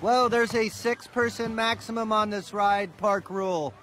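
A man voicing a deadpan cartoon theme park ride operator. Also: sits high, measured pace, background noise.

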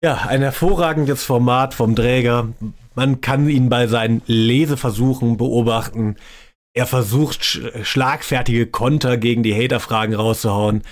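A man's voice: mid-range voice, steady tone, a little slow. A man hosting a reaction video, giving mocking commentary in a dry, sarcastic tone. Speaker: reaction channel host.

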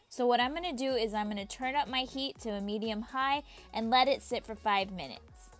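A woman narrating a step-by-step cooking tutorial as the channel host, giving friendly, repetitive instructions straight to the viewer. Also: fairly high pitch. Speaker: home cook and channel host.

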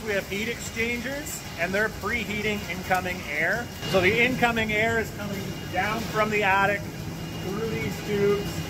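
Farmer vlogger, man in his thirties, higher voice, matter-of-fact tour talk, selfie phone, noisy barn. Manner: plain, matter-of-fact explaining while walking and pointing. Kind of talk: casual walking tour vlog. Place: pig barns and farmyard, indoors and outdoors. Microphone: phone held at arm's length.

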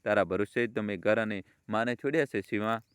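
A man's voice: on the low side, a little fast, clean tone, no echo, clean studio sound, lightly acted. A man voicing a trusting husband calling home, concerned and reassuring. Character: soldier husband on the phone, trusting.

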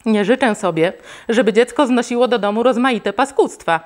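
A woman's voice: a little high, normal speed, a little mellow, close to an everyday voice. A woman reading aloud and voicing an exasperated mother scolding her son in a storybook.

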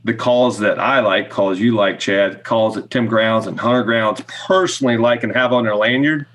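A man's voice: on the low side, a bit bright. A middle-aged man giving casual, plain-spoken explanations as an interview guest on a podcast. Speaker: podcast guest, goose call maker. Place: small indoor room with wooden shelves, on video call.

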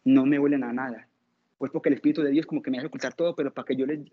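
A man's voice: mid-range voice, fairly even intonation, husky. A man giving an informal religious testimony, stumbling and repeating words often. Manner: halting, frequent stutters and repeated words. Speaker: lay preacher giving a testimony. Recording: dull lo-fi recording.

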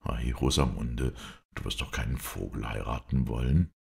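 A man reading a gentle, soothing young king. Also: rumbling low, moderate pace, gravelly, pitched below the performer's own voice, heavily acted. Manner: soothing, calm. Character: gentle older brother king, patient.

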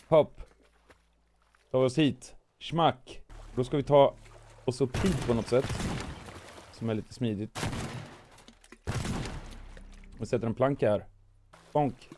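Playfully commentating his gameplay, a video host sounds hoarse from weeks of coughing and punctuates his moves with funny sound words. His mid-range voice is warm, with a bit of background noise.

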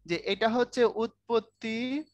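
A man's voice: extremely high pitch, a little slow, dry recording. A man teaching a Bangla language class online, joking and often checking that students follow.

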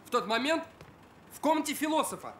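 A young man playing a cheeky, excitable student detective in a sitcom. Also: very high voice, a little fast, a little hiss or hum. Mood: eager. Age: young adult. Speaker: actor in a student comedy series. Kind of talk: sitcom dialogue. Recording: roomy set sound with music underneath.

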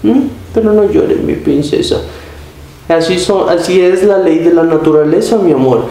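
A young Mexican man gently coaxing his toddler in sing-song baby talk while he shows her his animals. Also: a little high, normal speed. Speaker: exotic animal keeper and channel host. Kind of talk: casual vlog narration. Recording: echoey room with loud background noise.

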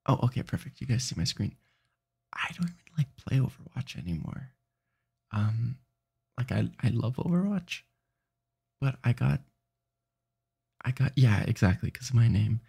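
A man's voice: medium pitch, animated, normal speed, gravelly, pauses often, warm tone, husky. A sleepy man streaming late at night, rambling and restarting his sentences as he chats. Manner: rambling, self-interrupting, tired.

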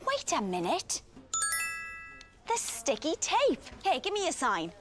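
A woman playing a cheerful, helpful young doctor in a children's TV show, talking in an animated, encouraging way. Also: high-pitched, slow, faint music behind, heavily acted. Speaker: doctor character. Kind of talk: children's TV acting.

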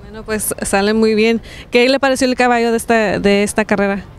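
Brisk and smooth, this woman's fairly high voice keeps a fairly even intonation as she interviews people off camera at a racetrack. She's friendly and straightforward, drops in a few fillers, and holds a handheld mic toward each guest.

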